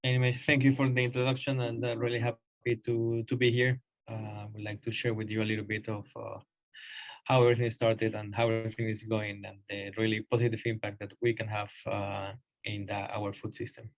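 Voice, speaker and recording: A man's voice: on the low side, level tone, a little fast. Hesitant Colombian man in his thirties. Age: 30s. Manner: hesitant, many fillers. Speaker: guest speaker. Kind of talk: presentation.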